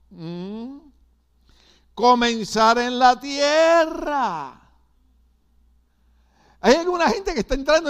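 This older pastor from Puerto Rico has an extremely high-pitched, clean voice and a Puerto Rican Spanish accent. He preaches with forceful repetitions, breaking off now and then to speak directly to the congregation.

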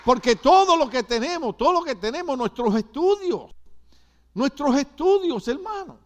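A man's voice: very high voice, lively intonation, normal speed. An older man from Puerto Rico with a Puerto Rican accent, preaching a sermon with emphatic repetitions and asides to the congregation. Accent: Puerto Rican Spanish. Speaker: pastor.

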